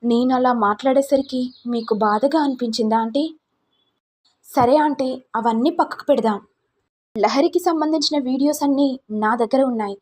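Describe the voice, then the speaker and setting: A woman's voice: high-pitched, a little mellow. A woman voicing a smug young male blackmailer, speaking in a taunting, mocking tone while retelling a serial. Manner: taunting, drawn-out mock politeness. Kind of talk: storytelling recap of a serial.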